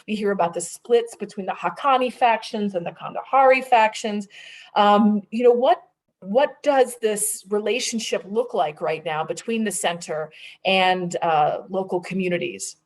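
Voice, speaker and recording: A woman's voice: mid-range voice, moderate pace. A woman moderating a policy roundtable, talking conversationally with many fillers and restarts.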